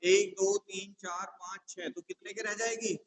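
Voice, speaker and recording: High-voiced maths tutor explaining patiently. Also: male voice, fairly even intonation, a little slow, low-quality recording. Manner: patient, step-by-step, checks with "theek hai". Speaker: maths tutor for exam coaching. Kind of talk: whiteboard maths lesson.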